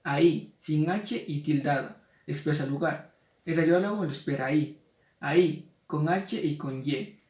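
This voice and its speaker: A man's voice: on the high side, unhurried, far from the mic, muffled recording. Man reading a spelling lesson, echoey. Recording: echoey room, voice off-mic.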